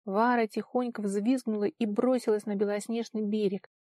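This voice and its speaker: A woman narrating a storybook in an even, steady read. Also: mid-range voice, moderate pace, no echo, studio quality. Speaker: audiobook narrator. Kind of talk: scripted narration.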